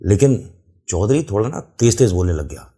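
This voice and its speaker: Speaking at a moderate pace, a man with a low, dark, husky voice recounts his own horror story conversationally. He talks straight to the listener and lays out where everything was located.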